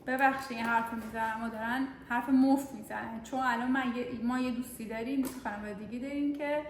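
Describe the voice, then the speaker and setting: A woman from Iran chats as she vlogs, showing off things at home and in a big store. Her voice sits a little high. The phone recording is roomy and echoey, with plenty of noise behind her. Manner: chatty, talks while showing items around home and store. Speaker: vlogger. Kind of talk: casual chat. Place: home and large store, indoors. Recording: echoey room with clear background noise.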